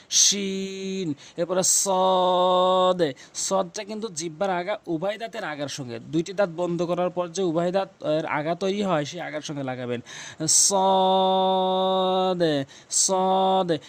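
A man teaching pronunciation of Arabic letters for Quran recitation, demonstrating each sound slowly and repeating it, with hesitant fillers between explanations. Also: a little high, gravelly. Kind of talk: pronunciation lesson.

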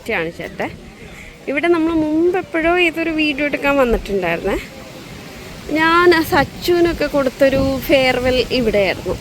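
Female vlogger, higher-pitched, casual, code-mixes English; clearly noisy outdoor recording. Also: very animated, moderate pace. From Lakshadweep, India. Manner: mixes English words into Malayalam. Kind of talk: casual chatty vlog. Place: outdoors at a park by a beach.

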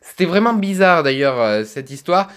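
A young man commenting on a story game, chatty and musing, thinking out loud. His voice is animated with wide swings in pitch. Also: moderate pace. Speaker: let's play host. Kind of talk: let's play commentary.

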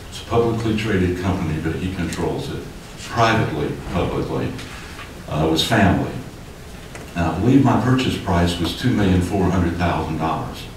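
An older man, a developer, speaks at a city hearing in a low-pitched, animated voice at normal speed, growing more heated as he gestures emphatically. He's recorded through a podium microphone, distant in the echoey indoor commission chamber, with a little hiss or hum.

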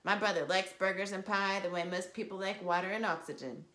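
A woman teacher reading a children's novel aloud in a lively storytelling way, with a roomy echo. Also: medium pitch, fairly quick.

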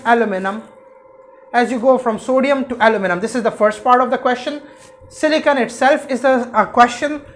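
Young man, high-pitched for a male, emphatic explanatory lecturer who questions and answers himself. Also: a bit bright. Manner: emphatic, repetitive, asks and answers own questions. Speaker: chemistry teacher. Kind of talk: explanatory classroom lecture at a whiteboard. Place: indoor room, standing at a whiteboard.

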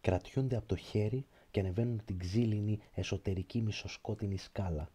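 A man reading a literary prose audiobook in a slow, measured, reflective way. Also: lowish voice, fairly even intonation, warm tone, breathy edge. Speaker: audiobook narrator.

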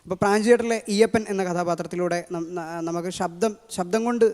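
A man with a Malayali accent introducing his impressions, talking fast with many fillers. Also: high voice, a little mellow. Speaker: mimicry artist. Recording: long hall reverb.

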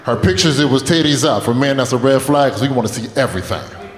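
Talking fast in a mid-range voice, a late-twenties stand-up comic spins loose, crude stories and chats with the crowd. The audience laughs throughout, and the club has an echoey sound with long reverb.

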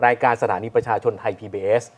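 A man's voice: mid-range voice, fairly even intonation. A man hosting a studio talk show, chatty and teasing with a student audience. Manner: jokey, chatty, quick. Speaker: TV host.

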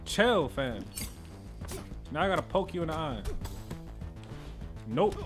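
A man giving joking, slangy commentary as he plays through a video game, with loud reactions. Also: a little high, sing-song, slow, over music. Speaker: gaming channel host. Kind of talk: casual playthrough commentary.

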